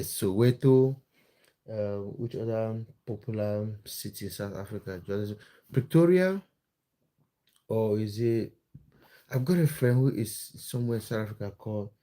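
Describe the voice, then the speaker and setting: A man's voice: on the low side, warm tone. A man from Cameroon, hosting a casual live stream, reading viewer comments in a friendly, chatty way with lots of fillers and restarts. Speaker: live-stream host and football content creator.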